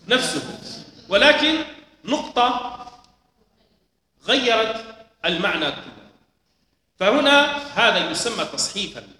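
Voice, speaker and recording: A man teaching a lesson, explaining slowly and deliberately, repeating key points. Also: high-pitched, pushed and bright, a little hiss or hum. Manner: slow, deliberate explaining with repetitions. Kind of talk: lecture on hadith transmission. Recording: echoey hall with long reverb.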